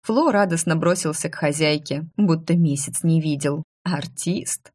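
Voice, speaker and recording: A woman narrating a story aloud with a lively, expressive, lightly ironic delivery. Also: low-pitched, unhurried. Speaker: audiobook narrator.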